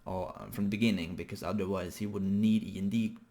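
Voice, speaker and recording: A man's voice: deep voice, fairly even intonation, quick pace, warm tone. A man casually reacting live to a manga chapter, rambling as he thinks aloud and swearing freely.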